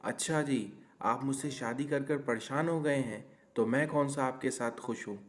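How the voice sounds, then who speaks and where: A man voicing a quick-tempered young newlywed wife in a cartoon story, indignant and complaining. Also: mid-range voice, close to an everyday voice. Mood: angry.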